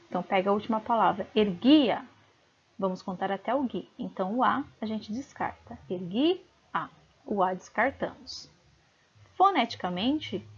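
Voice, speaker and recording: Slightly husky woman teaching a lesson. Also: mid-range voice, dull audio. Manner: patient, sounds out syllables slowly. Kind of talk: home-recorded video lesson. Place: home.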